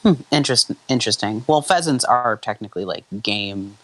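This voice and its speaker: A man reading fanfiction aloud to friends, stumbling over words and jumping high for the characters' lines. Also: lively intonation, fairly quick. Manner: acts out shouted lines in a high voice, stumbles and laughs. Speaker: fanfiction reader and channel host.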